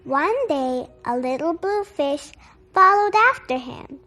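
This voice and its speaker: A woman narrating a children's storybook in a measured, expressive storytelling manner. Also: high voice, soft background music. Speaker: storytime read-aloud host.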